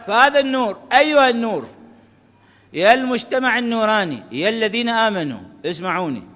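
Brief: male preacher, high voice, rapid fervent delivery, long hall reverb. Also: expressive. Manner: fervent, swings from loud exhortation to soft asides. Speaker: cleric preacher. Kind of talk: religious sermon to a gathering.

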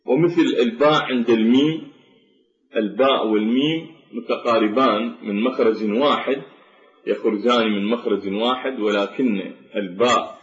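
Give me a man patiently explaining Quran recitation rules, recorded in an echoey room with muffled sound. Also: mid-range voice. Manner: methodical, slows to recite verse examples. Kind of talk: tajweed lesson explaining assimilation rules.

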